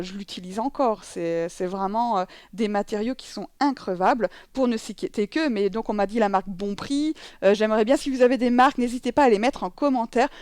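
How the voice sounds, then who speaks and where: Speaking into a headset in a dry, studio-quality recording, a French woman gives a demonstration tutorial on putting on a babywearing coat. The babywearing instructor's voice is fairly high and a little mellow, and her relaxed chatter is packed with fillers and corrections of herself.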